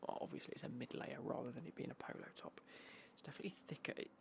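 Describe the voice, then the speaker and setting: A British man whispering in a casual, rambling ASMR unboxing style, breathy and hushed, with dry, understated commentary. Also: rapid-fire, a little hiss or hum. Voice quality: breathy, hushed whisper with creaky low murmur. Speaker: ASMR vlogger showing golf clothing.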